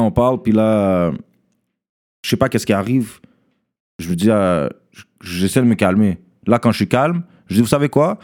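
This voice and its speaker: A young man tells a story to friends in a casual, animated way, mixing in English slang and often asking "tu comprends?". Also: mid-range voice.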